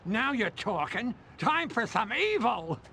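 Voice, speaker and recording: Whiny evil bubble villain, super high, swoopy, slow hammy cartoon voice. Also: male voice, sing-song, gravelly, sharp tone, slight background noise, full character voice. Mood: gloating. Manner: theatrical, drawn-out whining and gloating. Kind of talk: cartoon video game acting.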